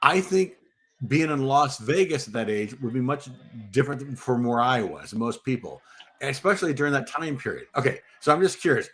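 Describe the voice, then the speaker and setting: A man's voice: medium pitch, big pitch swings, normal speed, a bit bright. A man on a casual live panel, prodding with questions and interrupting to ask again. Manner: probing questioner, interrupts with "hold on".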